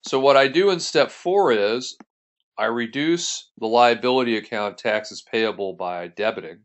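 An accounting instructor narrates a tutorial over a screen recording, walking through each step methodically. His mid-range voice moves at an unhurried pace.

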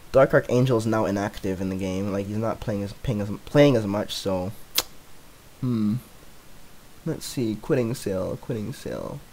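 A young man with a somewhat low voice talks through his gameplay in a loose, rambling way. He leans on "like" in nearly every sentence and chuckles often, with a casual, unscripted feel. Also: darkish tone, low-quality recording. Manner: filler-heavy rambling, "like" everywhere. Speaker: gaming YouTuber.

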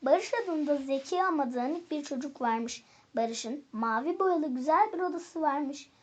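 A woman teacher reading a children's fairy tale aloud in calm, expressive storybook narration. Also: sits high, a little slow.

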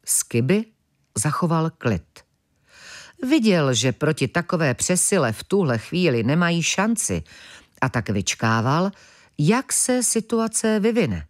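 A woman narrating a children's audiobook in a lively, expressive storytelling manner. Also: sits low.

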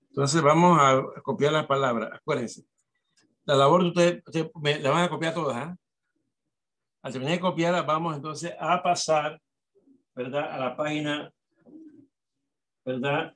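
A man's voice: medium pitch, fairly bright tone. A male teacher dictating a lesson to a class, repeating his instructions and often checking in with the pupils.

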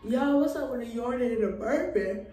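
A woman's voice: on the high side, fairly quick, mellow, reverberant, recorded from a distance, low-quality recording. A young woman vlogging at home in a casual, chatty way, tired and a little out of breath. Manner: laid-back, chatty, Southern US slang. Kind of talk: casual chat to camera.

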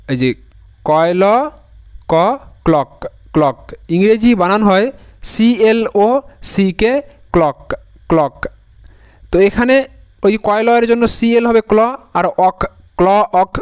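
A male teacher gives a patient spelling lesson, spelling words out letter by letter and saying each one several times over. His voice sits high and sounds smooth and resonant. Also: a little mellow. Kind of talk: Bengali-language spelling lesson.

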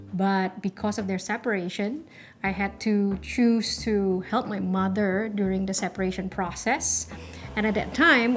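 Candid woman from Indonesia. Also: medium pitch. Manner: candid, thoughtful, steady. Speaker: entrepreneur and impact investor. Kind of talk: documentary interview. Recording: clean documentary audio with music underneath. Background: soft background music.

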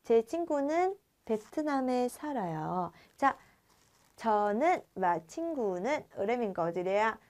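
Woman teacher talking fast thru a grammar lesson, keeps asking students questions. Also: mid-range voice, darkish tone. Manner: quizzes viewers with rhetorical questions. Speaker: Korean language teacher. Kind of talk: grammar lesson for Vietnamese learners.

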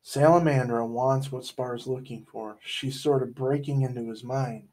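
A man's voice: mid-range voice, steady tone, measured pace, a little mellow, lightly acted. Earnest anxious boy , man reading, hesitant, near the narrator's own voice. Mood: worried.

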